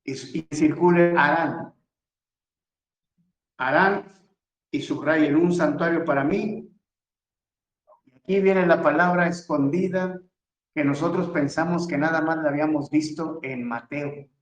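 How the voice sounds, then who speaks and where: A man's voice: fairly high pitch, measured pace, long pauses, echoey room, poor audio. A man giving a verse-by-verse scripture lesson, methodically telling his listeners which words to underline and circle. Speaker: Bible teacher.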